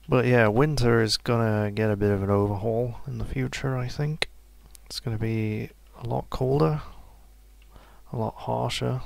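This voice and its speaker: A man talks through a game slowly and unhurriedly, his voice gravelly with a bit of fry at the ends of phrases. The sound is dry and close, as if from a desk mic. He muses to himself in a relaxed, casual way. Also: medium pitch, no room sound. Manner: relaxed, musing to himself, laughs softly. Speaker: let's play gamer. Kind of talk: casual gameplay commentary.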